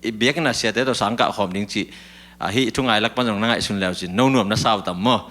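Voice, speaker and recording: A man talks through a long story on a talk show, in an easy, chatty way with little fillers. His voice is bright and forceful, though a touch low in pitch. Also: fast talker. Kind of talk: casual talk-show conversation.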